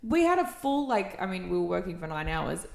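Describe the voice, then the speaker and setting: Chatty woman with a gravelly voice, echoey room. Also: lowish voice, very animated, brisk, darkish tone. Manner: chatty storyteller, laughs often, swears. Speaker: podcast co-host. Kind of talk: casual chat.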